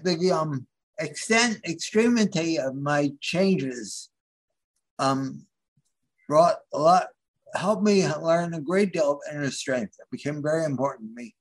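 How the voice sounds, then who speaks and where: A man from the Philadelphia area, a guest in an interview, speaking haltingly with many restarts as he searches for words. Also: fairly high pitch. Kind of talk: interview conversation.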